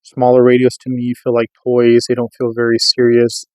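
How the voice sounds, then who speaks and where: A middle-aged American man reviews a product on the radio, explaining things casually and in a rambling way. His medium-pitched voice is monotone at a moderate pace, with no echo.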